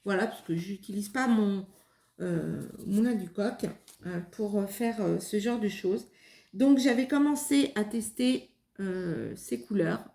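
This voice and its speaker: A woman's voice: mid-range voice, slow, vocal fry, mellow. A woman hosting a craft video, talking casually and hesitantly as she demonstrates and tests materials. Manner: hesitant, many fillers and restarts. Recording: echoey room.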